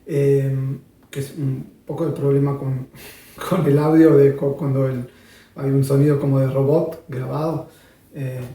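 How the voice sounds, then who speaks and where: A man teaching bandoneon in a video lesson, explaining calmly with frequent pauses and spoken demonstrations of sounds. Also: mid-range voice. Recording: roomy, distant mic.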